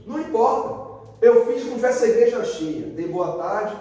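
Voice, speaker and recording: High-voiced preacher in an echoey church hall. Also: male voice, normal speed, far from the mic. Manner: lively storyteller who acts out the dialogue. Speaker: pastor. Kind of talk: sermon with storytelling.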